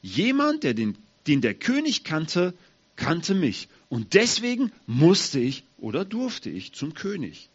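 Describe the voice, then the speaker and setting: A man telling a Bible story in the first person as a lame, humble young man, asking his listeners questions in a slightly husky voice. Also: on the high side, huge pitch swings, slow pace, muffled recording, voice pushed up, full character voice. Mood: excited. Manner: addresses listeners directly, asks them questions.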